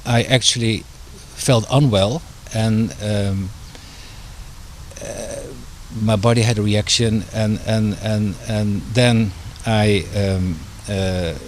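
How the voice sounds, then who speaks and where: A man's voice: on the low side, steady tone, slow, slight background noise. A middle-aged man from the Netherlands, speaking as an interview guest in a hesitant way, with many fillers and restarts. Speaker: guest, author and doctor.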